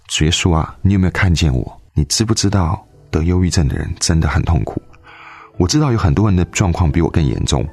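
A man's voice: low voice, a little mellow, dry recording. A young man telling his faith testimony in an earnest, emotional way.

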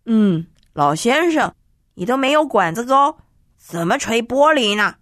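A woman voicing a polite, warm middle-aged glassblower father in a children's radio story. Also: fairly high pitch, big pitch swings, a little slow, dry recording, studio quality, pitched below the performer's own voice. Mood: gentle. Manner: kindly, chuckling.

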